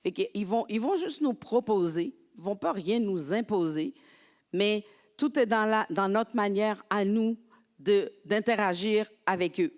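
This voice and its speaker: A woman from France preaching a lively, conversational sermon as a pastor in a church. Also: mid-range voice, a little slow. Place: church sanctuary. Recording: long hall reverb.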